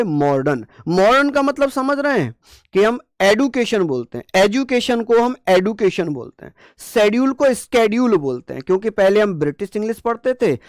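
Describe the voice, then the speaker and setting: Dry-voiced teacher drilling with call-and-response. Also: male voice, high voice, dry recording. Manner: repeats questions and answers them himself in a call-and-response way; playful, jokey mnemonics with scolding asides. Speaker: exam-prep teacher. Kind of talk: online coaching class lesson.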